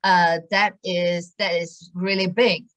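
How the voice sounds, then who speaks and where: A woman's voice: fairly low pitch, flat delivery, takes it slowly, fairly bright tone, low-quality recording. A woman in her sixties giving a casual sales talk about a wellness program, hesitant and full of fillers and restarts. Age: 60s. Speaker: wellness product presenter.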